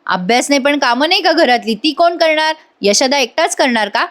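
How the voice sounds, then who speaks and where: A woman's voice: high voice, lively intonation, a little fast, a bit bright, voice pushed up. A woman voicing a firm, caring young wife who scolds the lazy men of the house.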